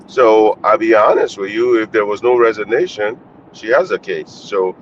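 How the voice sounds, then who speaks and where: A man from Liberia calls in while driving, using his car speakerphone to give blunt, candid commentary on the news in a casual call-in style. His voice is on the low side and moderately paced. The muffled lo-fi phone line carries faint road noise from the moving car.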